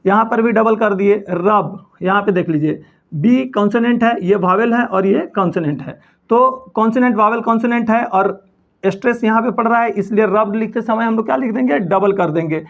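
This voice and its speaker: A man's voice: high-pitched, moderate pace. A man teaching a spelling lesson, who keeps asking his own questions and answering them. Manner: repeats key points as questions and answers them himself. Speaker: English teacher. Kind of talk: spoken lesson explaining spelling rules. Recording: dull lo-fi sound.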